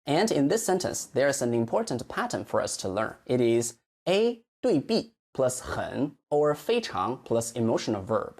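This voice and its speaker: Teaching a pronunciation lesson, this native Chinese teacher from mainland China speaks with a Chinese accent, modeling words slowly and elongating syllables with care. His voice is mid-range, very animated, and darkish in tone.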